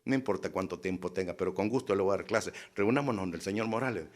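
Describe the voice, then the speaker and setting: With a deep voice and a fast delivery, a man preaches a sermon, telling a story and acting out both sides of a conversation with teasing emphasis.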